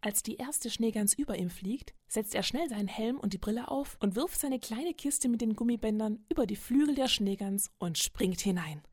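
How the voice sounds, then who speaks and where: Brief: storyteller for kids, gentle and expressive, very dry close sound. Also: female voice, fairly high pitch, moderate pace, hardly any pauses, husky, no room sound. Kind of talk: reading children's stories aloud.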